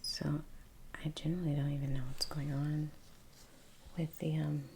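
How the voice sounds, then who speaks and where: An artist and ASMR video creator muses softly about painting in a breathy, creaky, low whisper, unhurried and level, murmuring and trailing off. Soft brush and painting sounds and faint noise sit behind her.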